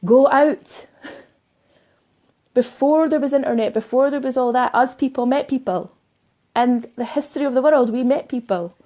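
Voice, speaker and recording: A woman's voice: high voice, normal speed, warm tone. A woman life coach giving a live motivational talk to viewers, emphatic and fond of repeating phrases for effect.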